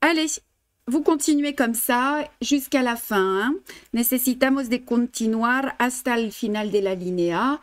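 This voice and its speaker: The voice sits on the high side and moves a little slowly, with no echo. It belongs to a woman in her fifties from France, French-accented, who chats her way through a live-streamed stitching lesson, laughing often and switching into English and Spanish. She's in an indoor studio with a blue backdrop.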